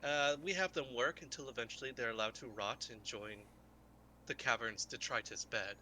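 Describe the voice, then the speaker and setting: A man's voice: mid-range voice, moderate pace, bright, forceful tone, a little hiss or hum, low-quality recording. A man voicing a courteous male mushroom-folk guide who explains things patiently.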